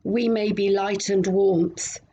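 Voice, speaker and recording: A woman minister at home, leading a gentle, meditative prayer and reflection with long pauses. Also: medium pitch, fairly even intonation, a little hiss or hum, rough recording.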